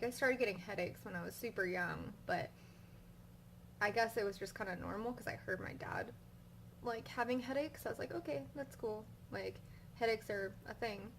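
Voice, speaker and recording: A woman's voice: medium pitch, fairly bright tone, slight background noise, low-quality recording. Young woman venting with a migraine. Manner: rambling, filler-heavy, frustrated venting. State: suffering a migraine. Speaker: vlogger. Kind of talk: casual storytelling vlog.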